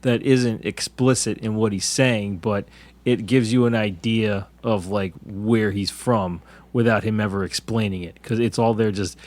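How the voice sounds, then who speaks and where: A man's voice: on the low side, steady tone, measured pace, darkish tone. Chatty man in his forties. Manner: chatty, recounts small details eagerly. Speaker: podcast co-host. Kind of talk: casual movie discussion.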